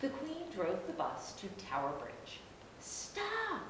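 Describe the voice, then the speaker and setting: A woman reading a storybook aloud in an expressive, animated way, as if to a toddler. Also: a little slow. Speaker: storybook reader. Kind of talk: animated read-aloud to young children. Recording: echoey room, distant mic, noisy rumble.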